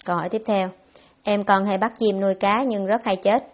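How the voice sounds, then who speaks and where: Brief: nun, rapid-fire dharma Q&A, blunt and scolding, mid-pitched. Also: female voice, fairly even intonation. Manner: blunt, scolding, fast-talking. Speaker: Buddhist nun answering questions. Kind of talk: dharma talk Q&A.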